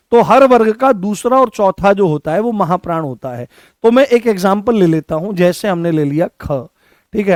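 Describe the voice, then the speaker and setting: A man with a high voice teaches an exam-prep grammar class, repeating each phrase several times and throwing questions at his students. He calls them by fond nicknames. The recording is dry and close. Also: no room sound. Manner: repetitive, drills phrases, asks the class questions, affectionate address.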